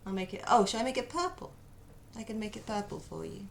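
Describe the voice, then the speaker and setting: A woman's voice: medium pitch, lively intonation, fast, creaky, a little hiss or hum. A woman streaming as she draws, chatting casually, muttering to herself and answering her chat.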